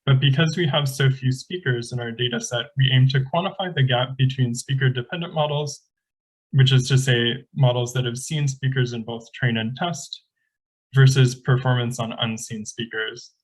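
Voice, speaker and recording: A man giving an academic conference presentation, explaining methods in a measured, technical way. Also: medium pitch, steady tone, slightly rough, low-quality recording.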